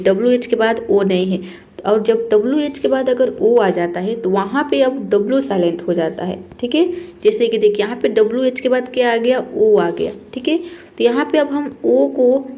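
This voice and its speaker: A woman's voice: on the high side, mellow, highs cut off. A woman teaching an English spelling lesson, explaining patiently and repeating each word, often checking in with her students.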